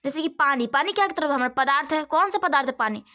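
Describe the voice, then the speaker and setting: Young Hindi-accented woman as a grammar teacher, high voice, asks and answers her own questions. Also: expressive, fast, pushed and bright. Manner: repeats questions and answers them herself, frequent "theek hai". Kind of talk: online grammar lesson.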